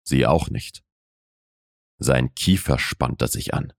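A man reading a romance novel aloud in a measured, intimate storytelling manner. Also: very deep voice, gravelly, no room sound, clean studio sound. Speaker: audiobook narrator. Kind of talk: scripted narration of a romance novel.

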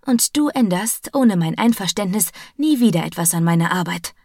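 A woman's voice: on the low side, animated, normal speed, darkish tone, no echo, clean studio sound. A woman voicing a defiant young professional woman with a cool, clipped manner.

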